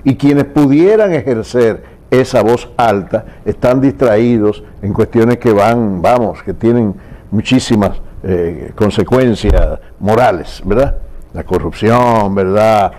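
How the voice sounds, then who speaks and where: A man hosting a political TV interview, speaking in a reflective, measured way. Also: fairly low pitch, dark tone. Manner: reflective, measured, asks long questions.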